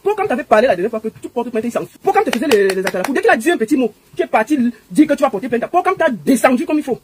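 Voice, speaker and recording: A woman's voice: high-pitched, big pitch swings, rapid-fire, darkish tone, slight background noise. A woman with a Cameroonian French accent giving an indignant, scolding commentary, tumbling over repeated words. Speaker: online commentator. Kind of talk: ranting commentary vlog.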